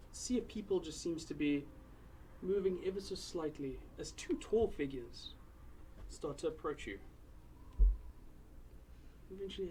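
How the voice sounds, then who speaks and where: A game master describes the scene of a tabletop game in a relaxed, descriptive way with occasional fillers. The voice sits in a middle pitch, and a faint room noise runs behind. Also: rough recording. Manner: casual descriptive narration with fillers.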